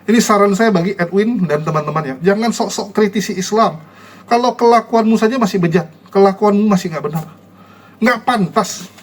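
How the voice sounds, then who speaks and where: This man's high voice moves a little fast as he chats casually with his online followers. He's combative and derisive, scolding and ridiculing whoever he's arguing against.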